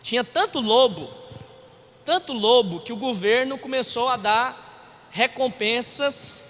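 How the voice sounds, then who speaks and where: A very high, bright male voice preaches in a church hall, the long reverb trailing each phrase. He tells stories by acting out both sides of a conversation, then climbs into shouted exhortations. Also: expressive, a little slow. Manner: acts out dialogue in storytelling, rising to shouts. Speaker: pastor. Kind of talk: sermon.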